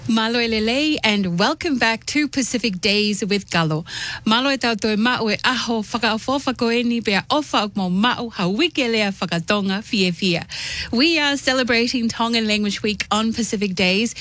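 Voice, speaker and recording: Radio host, woman, relaxed delivery, dry close studio sound. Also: fairly high pitch, normal speed, no echo. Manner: relaxed, with many fillers. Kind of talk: radio chat show hosting.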